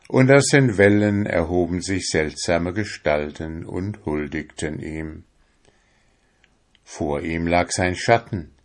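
A man reads a fairy tale aloud in a very deep voice. His delivery is slow and solemn, unhurried from line to line.

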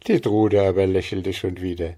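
A man narrating a fairy tale in a calm, measured storytelling voice. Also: low-pitched.

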